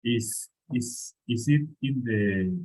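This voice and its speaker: Husky, hesitant man asking questions. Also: mid-range voice, slow pace, a little mellow, rough recording. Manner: hesitant, repeats words, many fillers. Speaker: course participant asking questions. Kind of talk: online office hours question. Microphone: video call.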